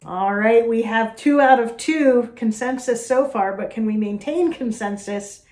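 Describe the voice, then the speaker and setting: A woman's voice: on the high side, unhurried, a little mellow. Chatty American woman, roomy echo. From United States. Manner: chatty, self-deprecating, with frequent fillers. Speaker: host. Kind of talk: casual vlog talk to camera.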